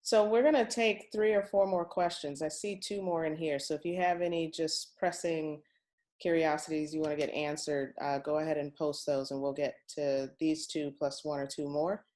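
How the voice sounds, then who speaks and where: A woman with a low, steady, slightly mellow voice hosts a real estate question-and-answer session at normal speed. She's casual, chatty and encouraging, with informal, folksy phrasing.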